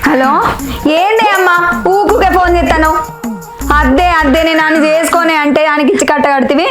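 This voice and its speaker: A woman acting a village wife in a comedy short film, scolding and quarrelling loudly. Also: sits high, fairly quick, music in the background. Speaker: actress playing a village wife.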